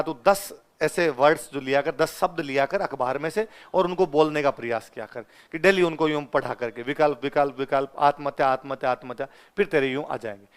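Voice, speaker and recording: A young male teacher from Rajasthan, India, with a Ganganagar-area Rajasthani Hindi accent, lectures through lively classroom stories. He speaks in a fairly high voice, acting out dialogue and laughing often.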